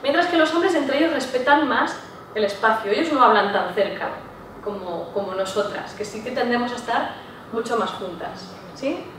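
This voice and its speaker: A woman lectures a live audience in a big, very echoey hall, her fairly high voice picked up from well off the mic with faint ambient hiss behind it. She talks in an engaging, explanatory way and keeps checking that listeners follow with a quick "¿sí?". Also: lively intonation. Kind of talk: public talk to a live audience. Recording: echoey room, voice from far off.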